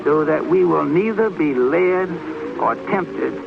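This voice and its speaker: Playing a loving, devout father in a vintage 1940s-50s radio play, an actor slowly and patiently explains a bedtime prayer to his child, tender and reverent. He uses a full character voice that is a little high and expressive, with vocal fry. Choir music from a radio plays behind the old, muffled recording.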